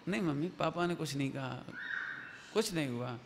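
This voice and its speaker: A man voicing a sulky, tired young person who mumbles low and quiet replies. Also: lively intonation, normal speed, creaky, big-room sound, background noise.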